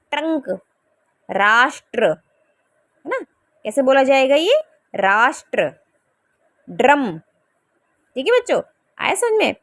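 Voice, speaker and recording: Woman teacher doing a kids grammar lesson, highish voice, very up and down, keeps asking do you get it, dry close mic. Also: no echo. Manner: coaxing, checks understanding with repeated questions; sounds out words slowly, syllable by syllable.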